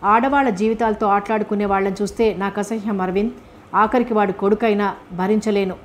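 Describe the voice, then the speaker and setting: A woman's voice: mid-range voice, fairly even intonation, a little fast, slight background noise, close to an everyday voice. A woman voicing a grieving middle-aged mother in a novel reading, sorrowful and earnest.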